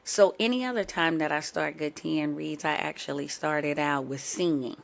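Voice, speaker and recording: A woman's voice: deep voice, moderate pace, vocal fry. A young adult woman hosting her own podcast. She has a sore throat and chats playfully, speaking straight to her listeners. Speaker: podcast host. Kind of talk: casual chat.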